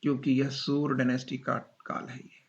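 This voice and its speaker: Man teaching slowly in dull lo-fi audio. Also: medium pitch, monotone. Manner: slow, repetitive dictation with questions to students. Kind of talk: classroom lecture.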